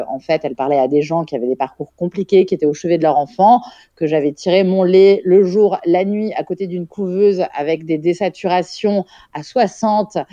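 Young woman, frank casual storytelling, lowish voice, dry, slightly muffled recording. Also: dry recording. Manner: frank, swears casually, animated retelling. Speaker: guest, mother of a premature baby. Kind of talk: casual storytelling in a podcast chat.

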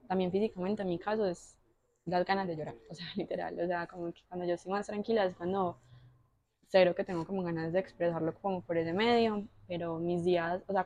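Rapid-talking young Colombian woman. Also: on the low side, dull audio. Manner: animated, with frequent fillers and quoted inner voices. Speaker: podcast guest. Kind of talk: casual conversational storytelling.

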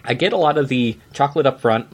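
A man's voice: mid-range voice, animated, fast. Man talking into a cup. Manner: hesitant, many fillers and restarts. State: recovering from a stomach bug. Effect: speaking into a cup, muffled and distant. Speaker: podcast co-host reviewing drinks. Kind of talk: casual chat.

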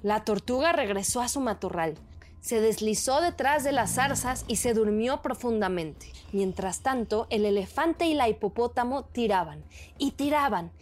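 Bright-voiced woman telling a children's fable. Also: a little high, moderate pace. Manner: lively, expressive storytelling. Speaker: storyteller.

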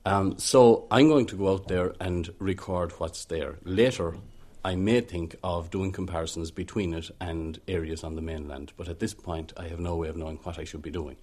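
A man answers interview questions as a field researcher, speaking in a measured, cautious way. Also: sits low, a little mellow. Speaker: researcher recording a site.

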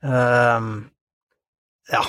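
A man telling a story in an interview, halting and repeating words with many fillers. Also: medium pitch, completely flat delivery, a bit bright, clear, resonant tone, no room sound, studio quality. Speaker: interview guest. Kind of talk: conversational storytelling.

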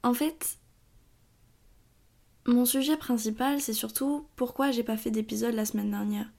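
A young woman hosting her own podcast, talking through her thoughts in a tired, halting way with many fillers and restarts. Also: a little high, steady tone, vocal fry, a little mellow. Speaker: podcast host. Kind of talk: casual personal monologue.

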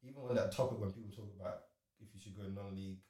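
A man's voice: lowish voice, fairly even intonation, racing, warm tone. A young man with a London roadman accent chatting casually and telling stories in street slang, full of "bro" and "like". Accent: London roadman, south London street slang. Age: young adult. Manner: slangy, peppers talk with "bro" and "like". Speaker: footballer guest. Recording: roomy, echoey sound.

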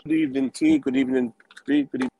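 A man speaking as a guest on a remote interview, in a measured, polite manner. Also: medium pitch, little pitch movement, vocal fry, dark tone, husky, dry recording. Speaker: team manager, show guest. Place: on a train, remote call.

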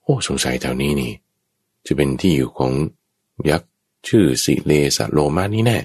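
A man's voice: extremely low pitch, animated, moderate pace, husky, dry recording. A man telling an old folk tale with animation, often speaking straight to his listeners. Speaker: storyteller.

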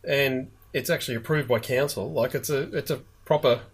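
A man co-hosting a podcast in casual chat, enthusiastic and quick to laugh. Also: medium pitch, steady tone, slight background noise. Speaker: podcast co-host.

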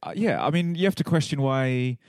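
A man's voice: on the high side, fairly quick, darkish tone, no room sound. A man co-hosting a football podcast, talking in a laid-back, analytical way and laughing often. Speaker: podcast co-host. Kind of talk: casual football chat.

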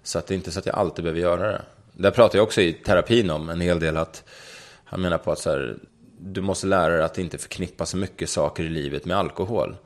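A man's voice: low voice, few pauses. A young man speaking frankly in an interview, retelling a personal story vividly and swearing casually. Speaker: guest.

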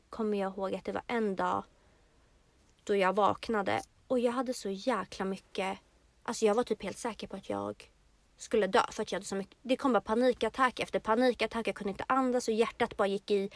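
A woman's voice: mid-range voice, steady tone, no echo. A young woman from Sweden, co-hosting a podcast, earnestly and reflectively telling a personal story in casual chat. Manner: earnest, slow and reflective retelling. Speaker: podcast co-host.

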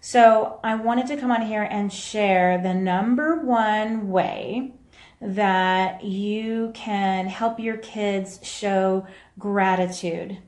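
A woman's voice: medium pitch, very slow, darkish tone. A woman hosting a casual livestream of parenting advice, speaking in a room with a big hall-like echo. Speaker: podcast host and parenting coach. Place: echoing room.

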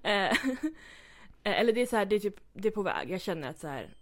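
A woman's voice: mid-range voice, sing-song. Young woman, casual chat, storytelling, many fillers. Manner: chatty storytelling, acts out quotes, many fillers.

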